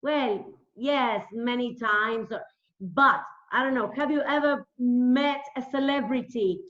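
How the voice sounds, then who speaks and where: An English teacher, a woman with a fairly high voice, hosts an informal interview over a video call, speaking slowly and hesitantly. She uses simple phrases and repeats herself, and the call audio sounds dull and echoey.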